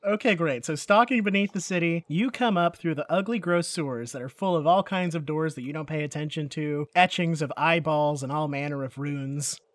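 A man's voice: a little high, fairly quick, few pauses, dry recording. A man running a tabletop role-playing game, narrating scenes in a descriptive, playful way. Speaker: game master.

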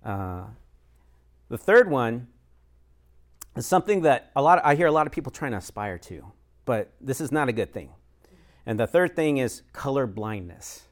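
A man's voice: mid-range voice, big pitch swings, moderate pace, pauses often. A man who works as a chaplain and pastor, leading a church discussion in a conversational way, with frequent fillers and light laughs. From United States.

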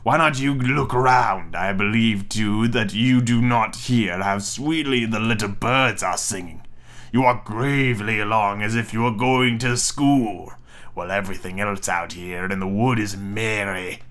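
A man voicing a sly, scheming wolf from a storybook, speaking slowly in a low hush that sinks toward a whisper. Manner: slow, low, hushed and whispery.

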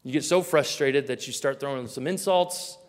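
A male pastor preaching a sermon earnestly, acting out small scenes in a quieter voice. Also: medium pitch, normal speed, big-room sound.

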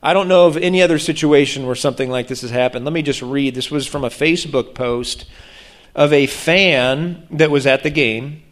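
A man preaching about prayer, telling a story with animated acted-out voices. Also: a little high, normal speed. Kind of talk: sermon on prayer.

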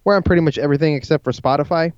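A man hosting a podcast with casual banter, talking haltingly and repeating words as he goes. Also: fairly high pitch, no room sound, lo-fi sound. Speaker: podcast host. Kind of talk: casual banter between co-hosts.

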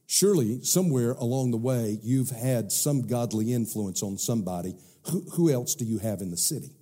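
Preacher, male, middle-aged, Southern US accent. Mellow, husky tone, conversational but emphatic sermon. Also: medium pitch. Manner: emphatic, conversational, rhetorical questions, deliberate repetition.

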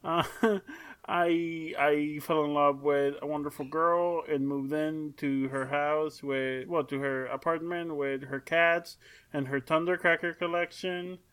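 A woman's voice: low voice, steady tone, a little slow, a bit bright, clear, resonant tone. Rambly woman podcast host. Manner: rambling, filler-heavy, self-interrupting. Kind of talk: casual chat.

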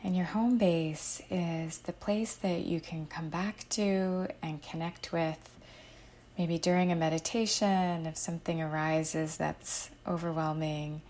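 A woman with a lowish voice narrates a guided meditation, soothing and unhurried. She instructs gently, her phrase endings falling softly.

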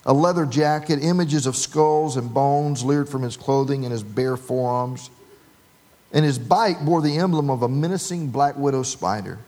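A man's voice: mid-range voice, moderate pace, darkish tone. A man preaching a sermon, telling a humorous story with voices for the people in it. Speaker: pastor.

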